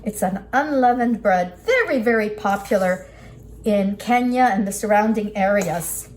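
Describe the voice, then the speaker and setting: A woman with a mid-range, darkish voice speaks at a measured pace, the audio quality poor. She's casually demonstrating cooking as an instructor, talking through each step as she works with her hands at an indoor work table. Kitchen ambience forms clear background noise.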